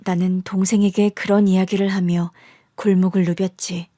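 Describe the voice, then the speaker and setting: A woman voicing a middle-aged birth mother who softly confides the story of her hard past. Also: medium pitch, level tone, moderate pace, no echo, studio quality, close to an everyday voice. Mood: confiding.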